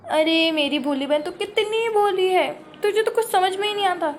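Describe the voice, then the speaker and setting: A woman voicing a calm, scheming elder sister. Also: extremely high pitch, normal speed, a little hiss or hum, voice pushed down. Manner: soft, amused, coaxing. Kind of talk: homemade comic family sketch.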